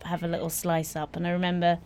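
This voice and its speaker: A woman's voice: fairly low pitch, monotone, fast talker, darkish tone, slight background noise. A woman who owns a café and has written a cookbook, talking in a candid, chatty, self-deprecating way. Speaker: café owner and cookbook author. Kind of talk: casual conversation.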